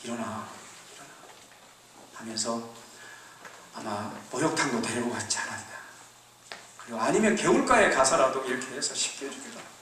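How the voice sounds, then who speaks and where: A man's voice: mid-range voice, lively intonation, brisk, fairly bright tone, slight background noise. A man pastor preaching a sermon, telling the story dramatically and acting out its scenes. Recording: echoey church hall, mic far off.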